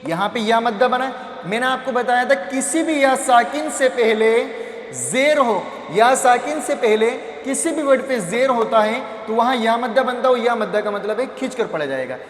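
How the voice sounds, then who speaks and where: A man's voice: extremely high pitch, expressive, moderate pace. A man teaching how to read Arabic letters, patiently repeating syllables and asking and answering his own questions. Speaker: Quran reading teacher. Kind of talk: slow phonics lesson on Arabic letters. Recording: echoey hall with faint ambience.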